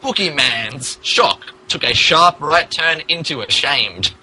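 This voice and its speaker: Against a noisy background, a podcast host reads fan fiction aloud slowly and mock-dramatically in an expressive, slightly high voice. He trips over the typos and makes fun of them as he goes.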